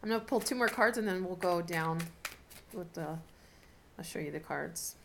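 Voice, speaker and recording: A woman giving a casual, unscripted tarot reading as host, talking in a chatty, halting way as she thinks aloud. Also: fairly low pitch, vocal fry. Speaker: tarot card reader hosting a video reading. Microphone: camera set up in front of the speaker. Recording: noticeable background noise with clicks.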